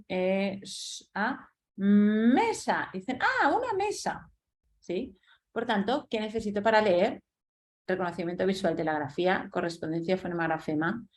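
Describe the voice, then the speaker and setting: Slightly low-voiced woman teaching a webinar. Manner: didactic, checks in with frequent "¿sí?", sounds out letters slowly. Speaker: webinar presenter on literacy. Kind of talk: lecture webinar.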